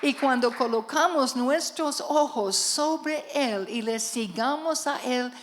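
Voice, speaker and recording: A woman pastor with a fairly high voice, preaching a storytelling sermon. She tells her story in a lively way and presses her points hard with emphatic calls to the congregation. She speaks before a church congregation. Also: slow pace.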